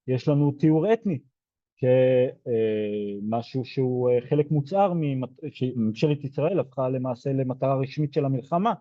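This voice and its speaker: A soft-spoken man from Israel giving a lecture, hesitant, with many fillers and restarts. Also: medium pitch, no room sound, dull audio. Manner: soft-spoken, hard to hear. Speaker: genocide studies lecturer. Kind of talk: explaining lecture.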